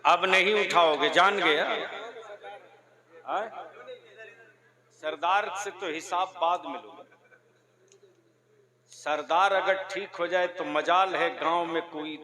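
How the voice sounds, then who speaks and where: A man preaches to a large outdoor gathering with a high, unhurried delivery. He banters with listeners and then climbs into fervent, shouted appeals. The crowd's noise is heard clearly around him. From India. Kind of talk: Urdu religious sermon at an open-air gathering.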